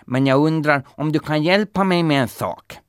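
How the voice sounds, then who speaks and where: A man's voice: fairly high pitch, smooth, no room sound, clean studio sound, voice pushed up, close to an everyday voice. A man voicing a clumsy, cheerful talking horse in a storybook, chatty and upbeat.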